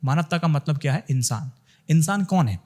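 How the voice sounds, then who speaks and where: A man's voice: a little high, lively intonation, moderate pace, darkish tone. Hindi-speaking man giving opinionated commentary. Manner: rhetorical questions, addresses viewers directly. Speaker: news commentator. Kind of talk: opinionated news commentary to camera.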